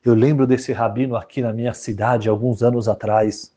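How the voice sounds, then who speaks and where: A man with a mid-range voice tells a story to a group at a normal pace. He's animated and repetitive, repeating phrases and acting out the dialogue.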